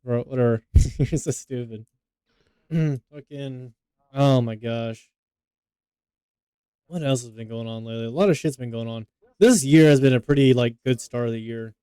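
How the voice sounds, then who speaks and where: A man's voice: medium pitch, moderate pace, long pauses, warm tone, smooth, no room sound. A young man co-hosting a podcast, talking loosely and profanely with lots of filler words. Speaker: podcast co-host. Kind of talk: casual podcast chat.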